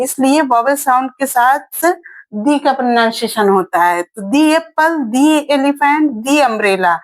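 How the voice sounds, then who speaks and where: A woman's voice: high-pitched, rough recording. A woman teaching English grammar in a lesson video, repeating key points and asking and answering her own questions. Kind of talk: explanatory lesson.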